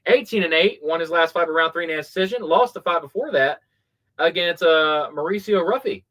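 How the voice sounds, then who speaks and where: A man's voice: a little high, fairly quick, a bit bright. A man co-hosting a casual podcast who reads out fighters' records in a matter-of-fact way. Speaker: podcast co-host. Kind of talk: casual podcast chat, reading fight stats.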